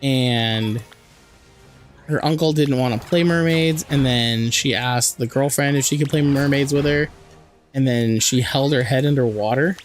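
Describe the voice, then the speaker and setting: A man streaming a video game with a hoarse, sore throat, chatting and joking with his viewers over faint music. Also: medium pitch, unhurried. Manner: chatty, joking, reads and answers chat. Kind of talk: casual live-stream chat while playing.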